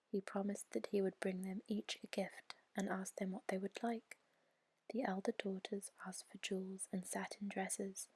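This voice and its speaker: In a soft, breathy ASMR whisper with a measured pace, a woman reads a bedtime story right up against the mic. Her mid-range voice sounds soothing, with no echo.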